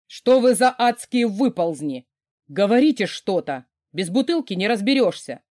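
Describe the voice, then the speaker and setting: A woman's voice: medium pitch, very animated, moderate pace, darkish tone, dry recording, clean studio sound, close to an everyday voice. A woman voicing an overbearing wealthy man, a huge mocking boss who barks orders. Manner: gruff, barking, mocking orders.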